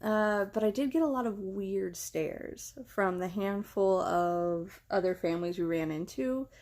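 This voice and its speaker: A woman's voice: mid-range voice, unhurried, darkish tone. A young woman from the United States talking candidly and casually about herself, in a self-deprecating, conversational way. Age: young adult. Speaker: vlogger. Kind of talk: casual chat.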